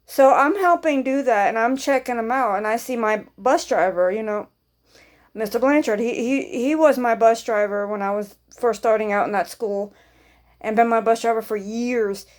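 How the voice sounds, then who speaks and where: A woman's voice: on the high side, moderate pace. A young woman vlogger telling a long casual storytime, rambling and repeating herself and swearing offhandedly.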